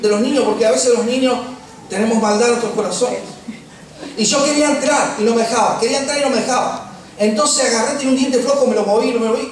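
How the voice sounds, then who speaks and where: Argentine pastor guy, high voice, funny stories in his sermon, big echo, faint hiss. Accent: Argentine Spanish. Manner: humorous storytelling, slows for emphasis. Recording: echoey room, distant mic, faint noise.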